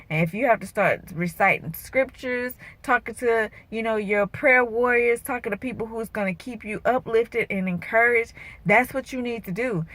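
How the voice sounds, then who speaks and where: A woman's voice: mid-range voice, a bit bright, no echo. A woman in her thirties, an emotional vlogger and bikini competitor, venting earnestly and turning preachy and motivational, her voice wavering at times.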